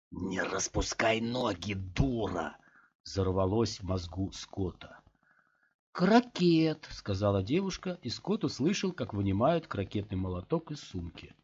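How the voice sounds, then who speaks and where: A man reading an audiobook in a steady, measured way, in a dull lo-fi recording. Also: fairly low pitch, slightly rough. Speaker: audiobook reader. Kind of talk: audiobook narration.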